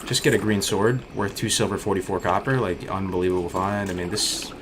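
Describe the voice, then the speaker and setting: Livestreaming his gameplay, a man talks fairly quickly in a low, steady tone, using cocky, hyped frat-bro slang. Loud music and background noise play behind him.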